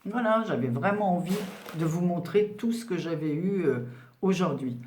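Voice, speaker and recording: A woman's voice: lowish voice, lively intonation, moderate pace, a little mellow, a little hiss or hum. Chatty older woman in an echoey room. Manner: rambling and chatty, full of "voilà" and "donc". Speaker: craft channel host. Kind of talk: casual unboxing chat to camera.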